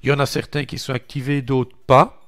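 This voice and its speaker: A man with a French accent walking viewers through software on screen in a relaxed, chatty way, calling out each click with little interjections. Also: medium pitch. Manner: slow, chatty, narrates each click with "voilà" and "hop". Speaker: tech tutorial host. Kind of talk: screen-recorded software walkthrough.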